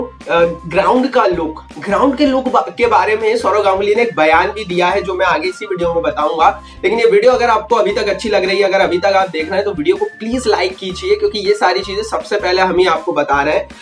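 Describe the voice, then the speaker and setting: A man's voice: sits high, fairly quick, few pauses, faint music behind. A young man talking energetically to the camera in a cricket news vlog, calling his viewers friends and waving his hands as he talks. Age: young adult. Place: indoor room, seated before a wooden wall.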